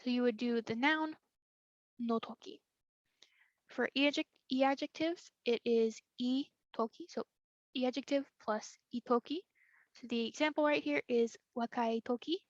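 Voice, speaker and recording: Young woman tutoring, kinda high voice, hedges everything, dull dry lo-fi mic. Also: no echo. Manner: hesitant, full of likes and ums, hedging. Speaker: student tutor. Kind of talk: casual recorded study lesson.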